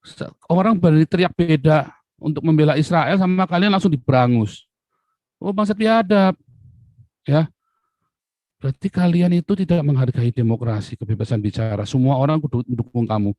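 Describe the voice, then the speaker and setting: A man giving an angry political rant as a channel commentator, swinging between loud outbursts and low muttering. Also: moderate pace, pauses often, no room sound.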